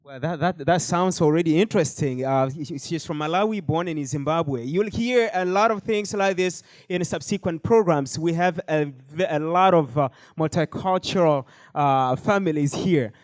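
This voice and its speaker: A man's voice: a little high, moderate pace, few pauses, no echo. A man hosting a panel discussion, speaking with frequent hesitations and fillers. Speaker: host.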